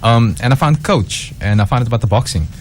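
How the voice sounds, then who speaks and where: A man's voice: medium pitch, animated, fast talker, slight background noise. A man speaking as a radio guest about a boxing club he helps, earnest and rambling. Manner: earnest, rambling, many fillers. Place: radio studio.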